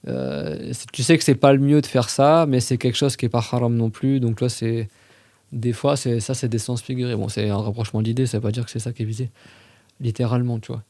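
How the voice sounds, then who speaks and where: Warm-toned man teaching casually. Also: medium pitch, dry recording. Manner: conversational, recites Arabic verses slowly and carefully. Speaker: religious teacher on a podcast. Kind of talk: casual explanatory lesson.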